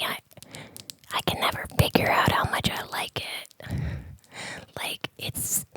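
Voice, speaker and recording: Slow, whispering woman in an ASMR ramble. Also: rough recording. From San Francisco Bay Area, United States. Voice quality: soft, breathy unvoiced whisper. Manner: rambling, hesitant, trailing off and circling back. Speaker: ASMR host. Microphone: close ear-to-ear ASMR microphone.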